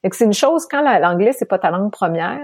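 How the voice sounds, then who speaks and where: A middle-aged woman from Quebec with a Québécois accent, telling her story as an interview guest, animated and laughing often. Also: medium pitch, fast talker, breathy edge, dry recording, clean studio sound. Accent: Québécois French. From Quebec, Canada. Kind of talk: candid storytelling in conversation.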